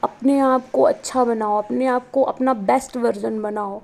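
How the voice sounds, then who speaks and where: A woman's voice: a little high, fairly even intonation, unhurried, gravelly, a little mellow. A pregnant woman vlogger and housewife giving an earnest motivational talk, pleading with her viewers and repeating herself for emphasis.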